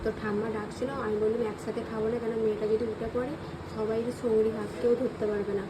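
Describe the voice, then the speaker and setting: A woman with a West Bengal Bengali accent keeps her voice low while she chats to her vlog audience about her day. She talks quickly at a slightly high pitch, and street noise is plain in the recording. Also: little pitch movement. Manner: speaks softly so the baby keeps sleeping. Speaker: vlogger. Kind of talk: hushed casual vlog talk.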